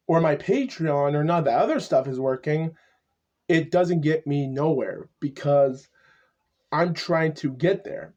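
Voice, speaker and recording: Guy in his 20s rambling to his camera, stutters a lot, kinda high voice. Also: darkish tone. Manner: halting, repetitive, stuttering. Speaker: YouTuber. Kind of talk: casual vlog monologue to camera. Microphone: camera mic.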